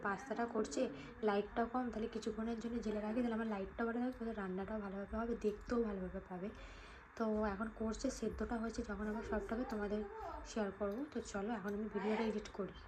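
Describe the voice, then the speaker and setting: A young woman vlogging at home, speaking softly and quietly so her sleeping baby stays asleep. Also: medium pitch, background noise. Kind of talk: hushed vlog talk.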